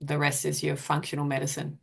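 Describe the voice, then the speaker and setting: A woman host interviewing a guest in a casual chat, friendly and quick to affirm. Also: sits low, completely flat delivery, gravelly.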